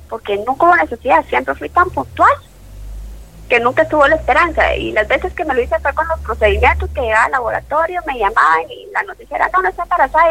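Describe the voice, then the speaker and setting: A woman's voice: high voice, vocal fry, rough recording. A woman in her late thirties, a doctor, giving an emotional faith testimony in an interview and acting out the dialogue as she tells it. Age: 30s. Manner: animated storyteller, acts out dialogue, speaks of faith.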